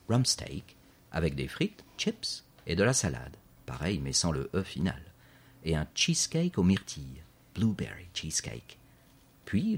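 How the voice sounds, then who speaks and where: A man reading a children's story aloud in a measured, clear narration. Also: deep voice, a little mellow.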